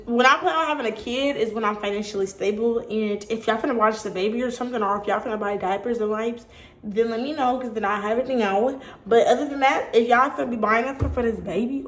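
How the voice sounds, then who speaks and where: A young woman with a slightly high voice chats her way through a casual Q&A vlog. She talks straight to her viewers in a lively, animated way. The room around her is echoey. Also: a little hiss or hum. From California. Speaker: YouTuber.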